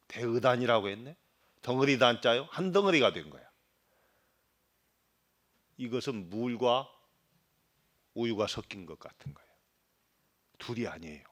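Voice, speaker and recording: A middle-aged Buddhist monk speaks at medium pitch while giving a dharma talk. Along the way he quizzes his listeners, imitates regional dialects, and alternates between loud emphasis and soft asides.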